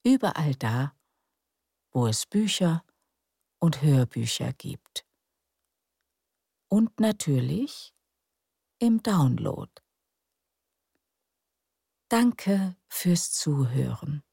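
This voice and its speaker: A woman narrating sleep stories for adults in a hushed, calm, soothing, breathy and creaky voice, often close to a whisper. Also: low-pitched, very slow, pauses often, no echo. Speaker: sleep story narrator and podcast host. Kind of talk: soothing scripted bedtime story narration.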